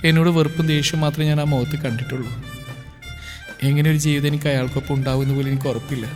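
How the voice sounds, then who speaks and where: A man's voice: a little high, fairly even intonation, fast talker, darkish tone, lightly acted. A man voicing a guilty, tearful young wife. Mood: regretful. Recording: reverberant with faint music.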